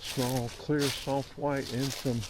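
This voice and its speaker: An older man musing aloud in a rambling, unhurried way during a casual walk and talk, in short phrases. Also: mid-range voice, flat delivery. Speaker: vlogger. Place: outdoors walking in woods. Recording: clear outdoor noise, rustling and crunching.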